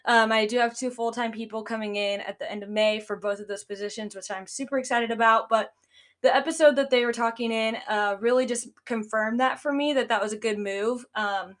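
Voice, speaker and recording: Stuffy and nasal, a young woman talks a little fast about running her business on her own casual podcast. Her fairly high voice is fairly bright with fairly even intonation, and "like" and "um" fillers crop up constantly.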